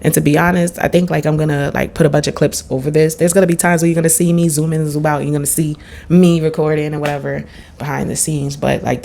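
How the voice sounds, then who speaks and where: A woman with a low-pitched voice talks straight to her viewers in an unscripted vlog. She rambles candidly, using loose slang and blunt words. The talk is casual and unpolished. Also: creaky, warm tone, slight background noise. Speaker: vlogger.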